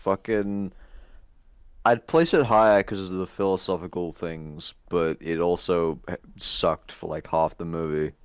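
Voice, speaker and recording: A man's voice: sits low, steady tone, unhurried, clean tone, no echo. A man co-hosting a movie podcast, swearing freely and teasing the others in casual chat. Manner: swears a lot, teasing, jumps in with jokes. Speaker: podcast co-host.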